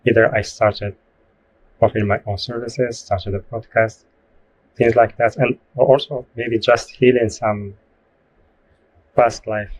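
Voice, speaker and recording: A man from Morocco, a guest spiritual guide, speaking in a thoughtful interview and now and then searching for his words. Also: fairly low pitch. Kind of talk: casual interview talk. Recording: dull, lo-fi remote audio with faint noise.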